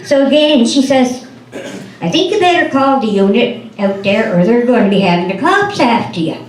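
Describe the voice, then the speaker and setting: A woman's voice: fairly high pitch, big pitch swings, moderate pace, slight background noise. A woman doing stand-up comedy, telling folksy anecdotes and acting out the dialogue of the people in them. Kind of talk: stand-up storytelling. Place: comedy club stage before an audience. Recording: roomy sound from a distant mic.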